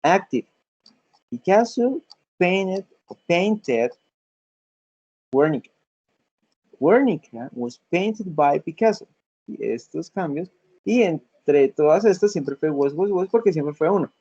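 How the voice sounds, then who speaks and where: Husky, mellow-voiced male teacher. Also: on the high side, expressive, takes it slowly, muffled recording. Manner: patient step-by-step explaining, frequent check-ins. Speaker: English teacher. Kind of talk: classroom lesson.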